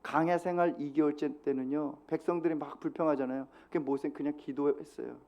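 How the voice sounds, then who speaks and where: A Korean man preaching a sermon as pastor of a small church, exhorting the congregation and dropping from loud to hushed. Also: fairly high pitch, fairly even intonation, fast talker, creaky. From South Korea.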